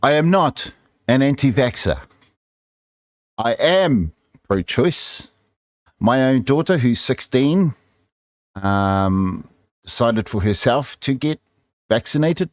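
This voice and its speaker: A man's voice: mid-range voice, expressive, takes it slowly, long pauses, no echo, studio quality. A middle-aged man with a Māori New Zealand English accent, hosting an informal, opinionated radio-style show in a blunt, colloquial, sweary way.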